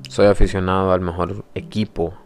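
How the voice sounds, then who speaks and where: A Salvadoran man in his twenties introduces himself as a podcast host, speaking in a low, creaky, flat voice. He sounds reflective and hesitant, pausing and restarting throughout this personal monologue while faint guitar music plays behind him.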